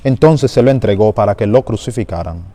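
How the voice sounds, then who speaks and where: A man giving a measured, solemn liturgical Gospel reading at a Good Friday service in a large church. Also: fairly low pitch, lively intonation, mellow. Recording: long church reverb.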